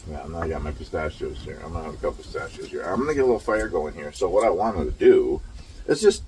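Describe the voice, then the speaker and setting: This truck driver, a man in his late fifties, rambles in an easygoing way with frequent chuckles as he vlogs from an outdoor shelter in the rain using his phone. He talks fast in an extremely low, warm, expressive voice, with slight background noise.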